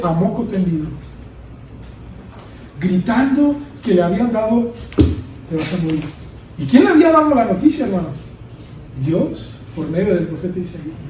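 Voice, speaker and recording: High-voiced preacher in an echoey hall. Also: male voice, dark tone, far from the mic, a little hiss or hum. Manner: preaching with rising emphasis and rhetorical questions. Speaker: pastor. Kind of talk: sermon.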